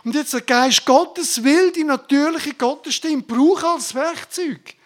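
Fervent woman preacher, high voice. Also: measured pace. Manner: fervent, exclaiming bursts of praise; addresses congregation directly, informal. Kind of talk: sermon.

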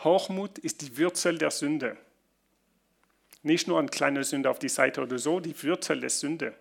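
Guy preaching, kinda gravelly, a bit high, stops and restarts a lot. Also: fairly bright tone. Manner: halting non-native German with restarts, reads Bible passages slowly. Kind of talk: sermon.

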